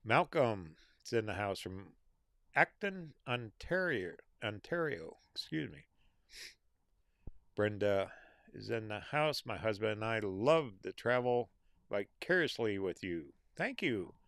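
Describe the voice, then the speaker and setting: Male live host, casual and unhurried, answering viewer questions in a dry, close sound, voice getting tired. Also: fairly low pitch, animated, vocal fry, a bit bright, no echo. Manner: reads out viewer names and comments with small laughs. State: losing his voice. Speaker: livestream host reading viewer comments.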